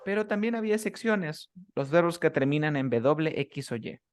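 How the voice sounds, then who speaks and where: A man's voice: on the high side, lively intonation, normal speed. Patient man teaching grammar rules. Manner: patient, keeps checking understanding with short questions. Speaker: English teacher. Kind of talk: explaining grammar rules in a one-on-one class.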